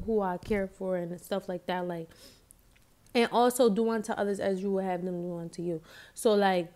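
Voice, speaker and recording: A woman's voice: mid-range voice, darkish tone. A woman casually telling a story in slangy speech while eating, her mouth sometimes full. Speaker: vlogger.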